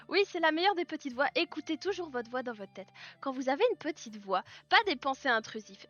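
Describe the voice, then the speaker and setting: A woman streaming live while making clothes, chatting with viewers, telling stories, laughing often and switching into halting English. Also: sits high, muffled recording. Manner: chatty storyteller, laughs often, answers chat. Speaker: livestreamer and clothing maker. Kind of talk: casual chat with live viewers. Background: soft background music.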